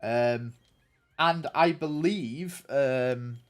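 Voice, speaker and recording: Speaking extremely slowly in a mid-range, nasal voice, the young man answers his game-stream viewers in casual chat. His talk rambles, with frequent ums and restarts.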